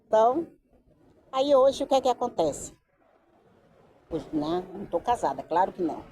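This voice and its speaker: A woman's voice: fairly high pitch, moderate pace, slight background noise. A woman from telling a story casually outdoors by the beach, acting out the voices she quotes. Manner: lively, acts out quoted voices. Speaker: vlogger.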